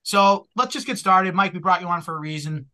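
A man with a Boston accent hosting a casual sports podcast, chatty and energetic. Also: high-pitched. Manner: energetic, chatty, quick asides. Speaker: podcast host.

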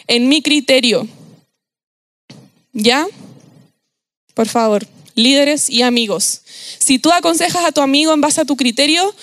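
A young Chilean woman delivers a youth sermon in a relaxed, slangy way, animated and quick to laugh. Her voice sits high, and the recording is dry and close with little room sound. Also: no echo. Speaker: youth preacher.

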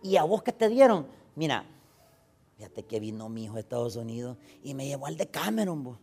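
A man voicing a cheerful, chattering elderly widow in a high falsetto. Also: a little fast, gravelly. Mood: chatty boastful. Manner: high excited falsetto gossip.

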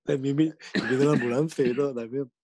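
A young man from Spain with a Spanish accent, telling a slangy, animated anecdote in casual chat. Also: medium pitch, fast, slightly rough, no echo. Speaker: storyteller.

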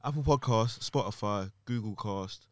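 A young man co-hosting a casual podcast as its engineer, low-key and soft-spoken. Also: moderate pace, no echo, clean studio sound. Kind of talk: casual chat.

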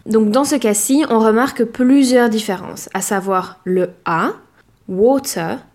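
A woman teaching a language lesson, speaking clearly and measuredly, and slowing down to model words. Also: a little high, a little mellow. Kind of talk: explaining a lesson.

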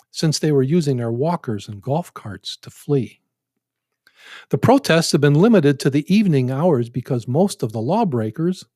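A man in his seventies introduces his podcast in a folksy, joking manner. His voice sits a little high for a man. The sound is dry and close, with no room around it. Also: a little mellow, no room sound. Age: 70s. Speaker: podcast host. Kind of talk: casual podcast introduction with jokes.

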